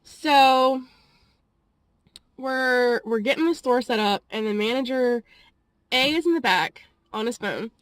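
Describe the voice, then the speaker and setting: A woman's voice: fairly high pitch, slow, pauses often, no echo. A young woman vlogging, telling a story in a rambling, chatty way and often laughing between phrases. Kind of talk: casual storytelling vlog.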